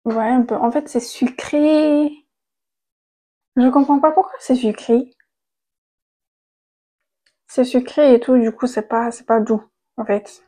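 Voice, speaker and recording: A young woman vlogging casually into a handheld mic at home, chatty and quick to laugh, trailing off and restarting her thoughts. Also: on the high side, fairly even intonation, warm tone. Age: young adult. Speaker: content creator. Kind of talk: casual vlog chat. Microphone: handheld microphone.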